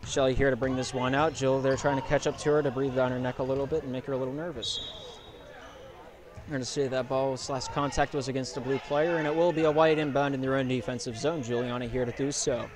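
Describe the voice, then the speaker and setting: Young man calling basketball play-by-play. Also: medium pitch. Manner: rapid play calling, bursts of loud excitement on scores. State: out of breath. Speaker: play-by-play commentator. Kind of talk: live basketball play-by-play commentary.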